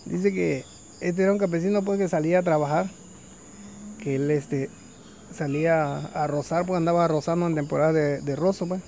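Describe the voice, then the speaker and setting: Man, folk storytelling, filler-heavy, gravelly, faint background noise. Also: fairly high pitch, fairly even intonation, moderate pace, dark tone. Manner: conversational, full of fillers.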